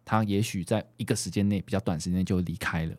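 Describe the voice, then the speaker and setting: A man's voice: deep voice, fairly even intonation, fast talker, darkish tone, no echo. A man with a Taiwanese accent speaking as a doctor guest in a casual podcast conversation, explaining his thoughts reflectively, step by step.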